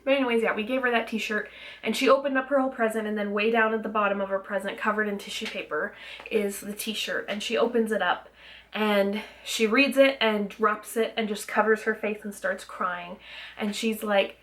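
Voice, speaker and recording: A woman's voice: medium pitch, steady tone, normal speed, a bit bright. Chatty, rambling young woman vlogger. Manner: chatty, rambling, with frequent ums, self-restarts and little laughs. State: a little out of breath. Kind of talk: casual vlog chat.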